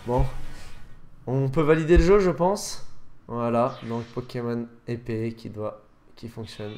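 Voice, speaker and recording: A man's voice: medium pitch, measured pace, darkish tone, soft background music. Rambling guy testing games. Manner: rambling, self-correcting, fillers. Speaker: gaming youtuber. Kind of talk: casual gameplay commentary.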